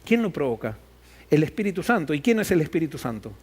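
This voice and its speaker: Man, pastor, sermon, rhetorical questions, acts out quoted voices, high voice, lively swings. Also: fast talker, husky. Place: church.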